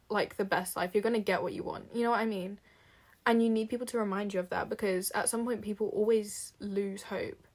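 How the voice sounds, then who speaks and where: A young woman talks through advice in a loose, conversational vlog. She is blunt and open, peppering her speech with "like" and the odd swear word. Her tone stays casual and unpolished throughout. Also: on the high side. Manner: frank and chatty, lots of "like" fillers and swearing. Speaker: vlogger giving advice.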